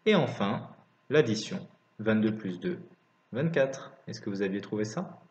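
Male maths teacher for lesson voice-over, lower-middle everyday pitch, dictates piece by piece, roomy and slightly dull recording. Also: animated, a little slow, darkish tone. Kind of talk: scripted lesson narration.

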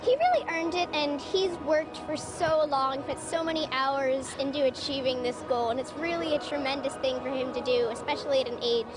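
Very high-voiced earnest girl. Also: moderate pace, hardly any pauses. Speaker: interviewee. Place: large indoor shopping mall.

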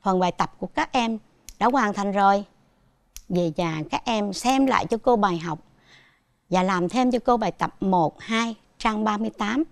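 Southern Vietnamese woman teacher, gravelly, dry. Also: mid-range voice, moderate pace, no room sound. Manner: patient, addresses pupils directly with questions. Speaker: primary school teacher. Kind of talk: televised math lesson.

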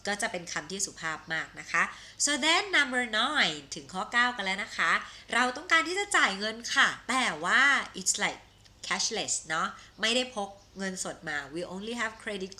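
Bright-voiced Thai woman teaching slowly. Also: mid-range voice. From Thailand. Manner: slow, carefully modelled English phrases between quick Thai explanations. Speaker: English teacher. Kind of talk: live-streamed language lesson.

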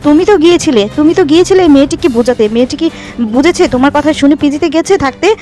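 A woman's voice: high voice, racing, warm tone, lightly acted. A woman voicing a bitter, angry mother who scolds a young woman. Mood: scolding.

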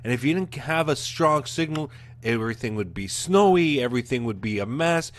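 A Canadian man in his forties hosts a show from his living room, ranting bluntly and casually to camera into a studio mic set before a webcam. His medium-pitched voice moves at a normal speed with lively intonation.

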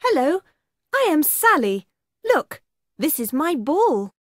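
A woman voicing cheerful young schoolchildren in children's coursebook audio, speaking simply and slowly, as if reading to a toddler. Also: high voice, sing-song, dry recording, heavily acted. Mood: cheerful, eager. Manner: slow, simple, clearly spaced delivery, as if reading to a toddler. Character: cheerful young schoolchildren showing off their toys.

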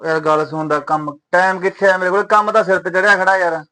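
A man's voice: sits high, steady tone, fast, bright, forceful tone. A man with a Punjabi accent playing a busy farmer husband in a village drama, harried and exasperated.

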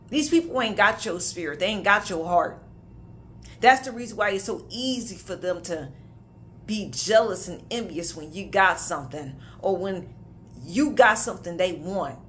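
A woman's voice: medium pitch, fairly bright tone, slight background noise. A woman, preaching a prophetic sermon with emphatic conviction and casual asides. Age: 30s. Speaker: minister.

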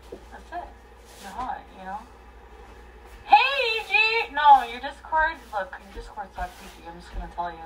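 A woman's voice: mid-range voice, recorded from a distance, a little hiss or hum, poor audio. A drunk woman in her thirties rambling and swearing casually to livestream viewers, emotional and volatile, recorded in a bedroom. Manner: emotional, swinging between crying, laughing and shouting. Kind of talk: casual live chat, rambling and profane. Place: small bedroom, indoors.

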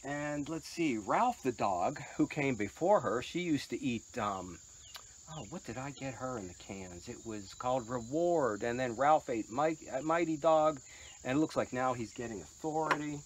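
A man's voice: mid-range voice, slight background noise, rough recording. An older man who vlogs about pottery, chatting casually as he serves treats to his dogs. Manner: chatty, talks sweetly to dogs, slow and lively. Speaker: potter and vlogger.

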